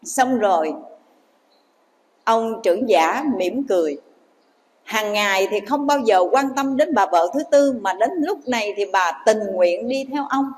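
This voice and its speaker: A Buddhist nun telling a story in a dharma talk, addressing the audience directly. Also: female voice, mid-range voice. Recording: long hall reverb.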